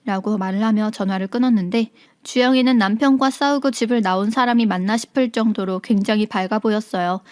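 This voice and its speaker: A woman narrating a real-life story in a plain, even storytelling manner, as read on a radio segment. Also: mid-range voice, dry recording.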